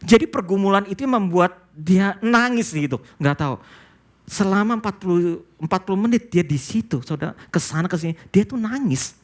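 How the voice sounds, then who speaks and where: A man's voice: lively intonation, moderate pace. Man preaching with dramatic storytelling. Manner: storytelling sermon, addresses listeners as "saudara", mixes in English quotes; swings between low hushed lines and high emphatic outbursts. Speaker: pastor. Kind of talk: sermon.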